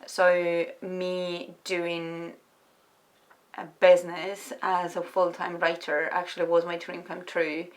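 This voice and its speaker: A woman from Estonia, a writer answering interview questions in a reflective, hesitant way with many pauses and restarts. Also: lowish voice, monotone.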